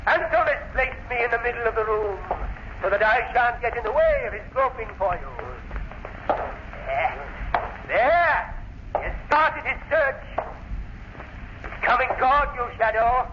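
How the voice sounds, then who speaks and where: A man with a very high voice and lively intonation speaks at a measured pace with long pauses, playing a crippled, vengeful mad professor in the style of a 1930s radio thriller. Theatrical, gloating and menacing, he taunts his enemy. The recording is noisy and muffled, like 1930s radio.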